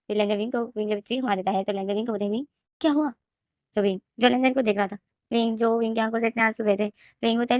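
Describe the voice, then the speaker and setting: A woman telling her own fan story in a casual, run-on way, piling one clause onto the next. She talks quickly, and the sound is dry and close, with no room around it. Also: mid-range voice, a little mellow, no room sound. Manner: rapid and run-on, with many restarts. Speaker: fan-fiction narrator.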